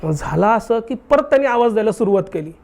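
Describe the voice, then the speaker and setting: A man's voice: high voice, fast, creaky. A young man telling a haunted story in casual chat, acting out the dialogue animatedly. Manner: animated, acts out dialogue in his retelling. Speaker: guest telling a true ghost story.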